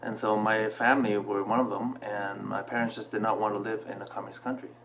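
A man in his thirties who grew up in Canada, telling a personal story to camera from a small room at home, relaxed and reflective, with many fillers. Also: on the low side, fast, a crowd in the background. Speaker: vlogger. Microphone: camera in front at desk distance.

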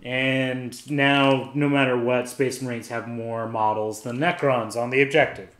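A man's voice: mid-range voice, steady tone, unhurried, fairly bright tone. A man casually narrating a solo tabletop wargame, calling out each dice roll step by step and thinking aloud. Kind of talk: casual play-by-play of dice rolls. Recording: echoey room.

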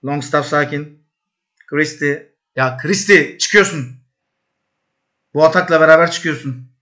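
Excitable man coaching players in a game. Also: a little slow. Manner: coaching players aloud, urging and scolding; bursts into high shouts at attacks. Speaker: host playing a football management game. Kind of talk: live commentary while gaming.

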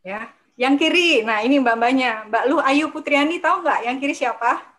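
A woman giving a lively public speaking workshop to a live audience, talking in a chatty way and acting out timid speakers. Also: high voice, moderate pace, rough recording. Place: lecture room with a live audience.

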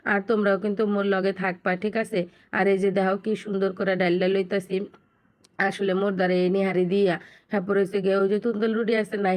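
A young woman with a Barishal Bengali accent talks quickly to her viewers while she cooks in her home kitchen. Her voice is smooth and clear, and her pitch stays level. She chats in a friendly way and uses many fillers. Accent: Barishal dialect of Bengali. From Barishal, Bangladesh. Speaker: cooking vlogger. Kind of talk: casual cooking vlog chat.

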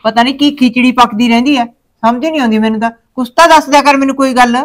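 A woman's voice: high-pitched, fast, natural voice. Fretful middle-aged Punjabi aunty played by a woman. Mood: grumbling. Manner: Punjabi aunty way of talking, grumbling and fretting. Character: nagging, anxious Punjabi village mother and wife. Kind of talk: short-film family drama acting.

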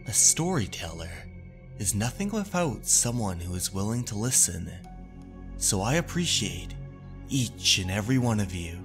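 A man working as a storyteller and channel host, narrating and addressing his listeners. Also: fairly low pitch. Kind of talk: dramatic narration and viewer thanks.

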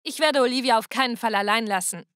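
A woman's voice: a little high, fast talker, fairly bright tone, clear, resonant tone, no room sound, clean studio sound, close to an everyday voice. A woman voicing a protective, loving middle-aged father in a narrated story, firm and reassuring.

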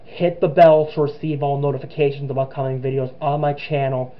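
A young gamer with a mid-range, fairly level voice talks a little fast through a let's play, nervous and rambling, restarting often as his voice cracks. The audio is dull and lo-fi, with a slight hiss or hum and game music underneath.

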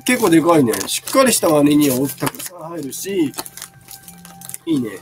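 Lively chatty man in his fifties. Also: fairly high pitch, moderate pace, over music. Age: 50s. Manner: chatty, answers viewer comments while showing goods. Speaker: live-stream seller. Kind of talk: casual live sales stream.

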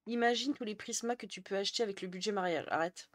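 Talking fast at medium pitch, a young woman from France's Jura region streams on Twitch. She chats easily, replies to her viewers' messages and laughs frequently.

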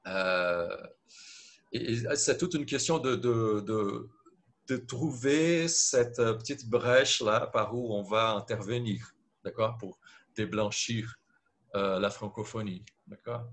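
With a lowish voice and a slow pace, a man from Brazil speaks hesitant, Brazilian Portuguese-accented French as a teacher on a panel. The setting is a round-table video call, and he frequently checks in with "d'accord?".

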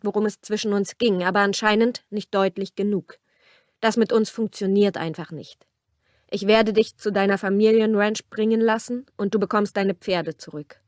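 A woman reading as a cold, brooding young man, voiced with a tense, clipped edge that pushes a little louder than her narration. The sound is dry and close, with no room around it. It is a storybook romance reading. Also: medium pitch, dry recording, close to an everyday voice. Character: brooding young male rancher, cold and harsh. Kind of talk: audiobook character reading.

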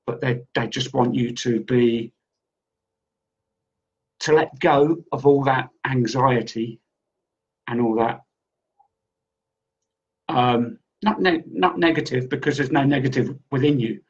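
Brief: male psychic co-host, average pitch, rambling, repetitive, dull lo-fi sound. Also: takes it slowly, long pauses. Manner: rambling, repeats himself often. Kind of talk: casual spiritual reading. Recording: dull lo-fi audio.

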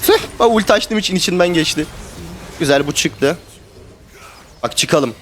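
A young man streaming a video game, talking to his teammates in casual live commentary that swings between calm planning and excited shouting and swearing. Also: high voice, normal speed, a little hiss or hum. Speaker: gamer streamer.

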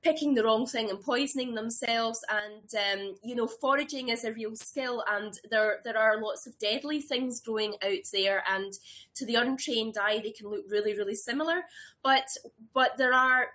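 A woman in her thirties who grew up in Scotland, hosting a webinar as a herbalist from a small room at home, talking warmly and eagerly with many ums and restarts. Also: fairly high pitch, normal speed. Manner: warm and enthusiastic, with frequent ums and restarts. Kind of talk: casual webinar talk. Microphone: webcam or laptop mic on a video call.

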